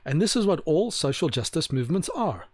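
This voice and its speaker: Animated, argumentative man lecturing on camera. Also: a little high, brisk, dry recording. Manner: argumentative, rambling with restarts and rhetorical questions. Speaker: video host. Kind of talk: opinionated talking-head monologue.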